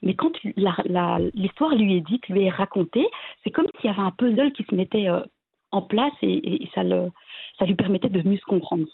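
A woman from Belgium, a guest talking casually and hesitantly about her family, with many pauses and restarts. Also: mid-range voice, lively intonation, gravelly, breathy edge, no echo. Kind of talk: casual interview conversation. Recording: tinny phone-like line.

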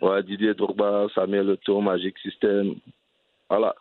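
A man's voice: on the low side, completely flat delivery, unhurried, no echo. A man with an Ivorian French accent, a cycling advocate answering interview questions earnestly and often restarting his phrases. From Côte d'Ivoire. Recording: dry, tinny phone-line sound.

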